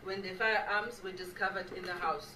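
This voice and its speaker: A woman's voice: lowish voice, steady tone, normal speed, sharp tone, far from the mic, a little hiss or hum. A woman working as a court interpreter, rendering a witness's testimony into English phrase by phrase in a courtroom. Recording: echoey courtroom, picked up from afar.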